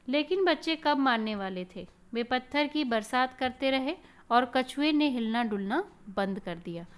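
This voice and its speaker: A woman's voice: fairly high pitch, fairly bright tone. A woman telling a children's story in a teacherly way, stopping to explain words and to point to the pictures.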